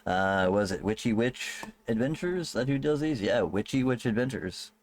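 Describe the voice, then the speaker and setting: A man's voice: mid-range voice, expressive, moderate pace, slight background noise. A man running a tabletop game as game master, casual and loose, with swearing and laughing asides.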